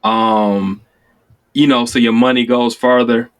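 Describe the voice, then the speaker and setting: A mid-pitched man in his forties, from Chicago, chatting casually on a remote call. He tells stories with energy and leaps up high whenever he acts out what someone said. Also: takes it slowly, clean tone. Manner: animated storyteller, acts out quotes with sudden high pitch jumps. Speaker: guest. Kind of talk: casual conversation.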